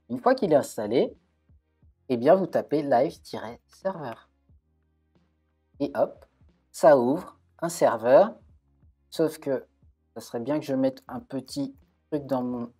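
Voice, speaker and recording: This coding streamer has a dark, mid-range voice. At his computer he runs a live-coding tutorial, talking through his thoughts with many hesitations and self-corrections.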